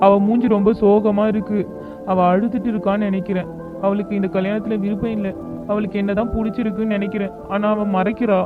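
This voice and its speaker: A lovesick young cartoon hero who pushes back against his family, as a voice actor plays him. His voice sits in a middle pitch, and he talks in an earnest, pleading way. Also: rapid-fire, narrow, tinny audio, over music, natural voice. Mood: longing. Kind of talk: animated cartoon drama voice acting.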